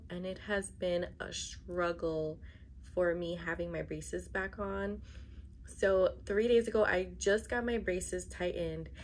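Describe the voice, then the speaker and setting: A woman's voice: mid-range voice, a little hiss or hum. A young adult woman chatting casually to camera in a vlog, with an emphatic, complaining way of talking, recorded indoors in a bedroom. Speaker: vlogger.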